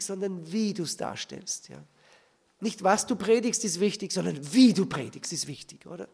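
A man's voice: sits high, creaky, a little mellow. A man giving a church teaching, often asking his listeners rhetorical questions. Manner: asks the audience rhetorical questions. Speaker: preacher. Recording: reverberant hall.

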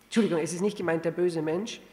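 A man's voice: on the high side, steady tone, fast talker, mellow. A man preaching a conversational sermon that works through a Bible passage. He restarts often and asks his listeners rhetorical questions. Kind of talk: sermon, verse-by-verse Bible exposition. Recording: long hall reverb.

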